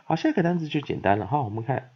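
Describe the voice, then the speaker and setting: A man teaching an English pronunciation lesson, sounding words out slowly and repeating them, with many filler sounds between phrases. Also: mid-range voice, expressive, breathy edge. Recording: dull lo-fi audio.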